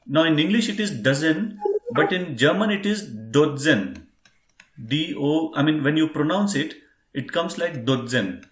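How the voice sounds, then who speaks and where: A man's voice: on the high side, moderate pace. Male teacher running an online class, patient, repeats and spells; roomy echo. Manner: patient, repeats and spells words out, addresses "friends". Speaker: German language teacher.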